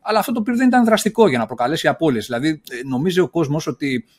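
A man's voice: on the high side, animated, a little mellow, slightly rough. A man co-hosting a podcast, explaining events at length in casual analytical chat, full of fillers and openly sceptical. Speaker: podcast co-host.

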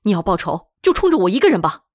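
A woman's voice: medium pitch, very animated, quick pace, darkish tone, dry recording, clean studio sound. Woman voicing a pleading young brother. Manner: earnest and imploring.

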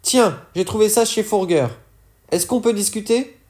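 A man's voice: sits high, lively intonation, unhurried, a little mellow, voice pushed up. A man voicing a guarded, tough young woman who speaks tersely.

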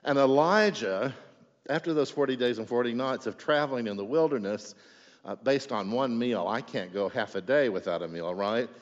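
A man's voice: mid-range voice, brisk. A man preaching a sermon as a pastor, in a conversational way that keeps checking in with the congregation. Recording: echoey hall, dull lo-fi sound.

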